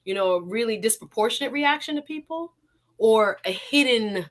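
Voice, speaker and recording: A woman's voice: on the high side, expressive, normal speed. Reflective woman hosting a talk. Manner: reflective, searches for words with fillers. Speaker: host. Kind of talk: casual talk.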